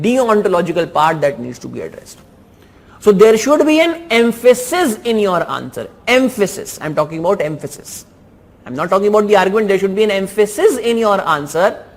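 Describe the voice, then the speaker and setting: A man with an Indian English accent reviewing exam answers in a lesson, repeating key phrases for emphasis. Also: sits high. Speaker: teacher.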